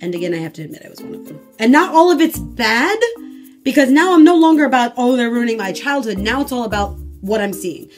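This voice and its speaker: A young woman vlogger giving an exasperated, sarcastic reaction rant in an animated way. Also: a little high, fast talker, soft background music.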